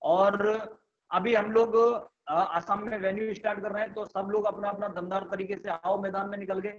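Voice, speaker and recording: A man's voice: sits high, level tone, normal speed, lo-fi sound. A man leading an online sales training session, explaining step by step and checking that listeners understand. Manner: instructive, repeats points and asks if understood.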